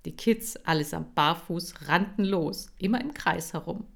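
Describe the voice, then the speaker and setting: A woman hosting a podcast, reading her own children's book aloud in an expressive storytelling style. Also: lowish voice, unhurried, creaky.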